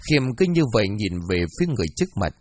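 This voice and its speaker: A man narrating a horror story in a steady storytelling manner. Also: lowish voice, very fast, dry recording.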